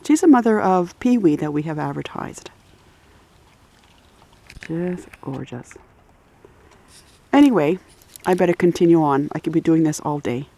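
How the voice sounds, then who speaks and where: A woman filming her dogs on a lakeside dock and chatting casually behind the camera, often dropping to a whisper and voicing the dogs in a high squeak. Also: expressive, measured pace, pauses often, mellow. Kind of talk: casual home video narration.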